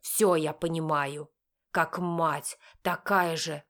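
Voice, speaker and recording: A woman's voice: fairly even intonation, slow pace, a bit bright. A woman putting on a harsh, angry father. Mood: stern. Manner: curt, accusing, speaks in low clipped bursts. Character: stern angry middle-aged father, bitter and harsh. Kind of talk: audiobook character voice.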